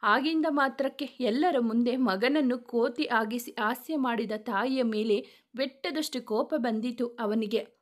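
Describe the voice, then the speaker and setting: A woman reads a romance story aloud as its storyteller. Her narration is steady and even-paced, with a fairly high voice. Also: unhurried.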